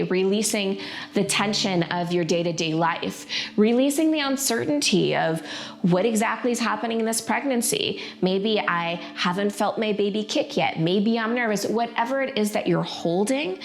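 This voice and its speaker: A woman teaching prenatal yoga in an informal, encouraging and playful way, guiding listeners through breathing practice. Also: mid-range voice. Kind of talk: casual guided yoga instruction.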